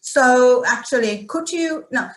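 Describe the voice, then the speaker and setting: A woman hosts an online panel, her slightly high voice carrying a noticeable room echo. She stops and restarts often, filling gaps with "you know". The sound comes through a video call. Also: expressive, slow pace. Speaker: webinar host. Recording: roomy echo.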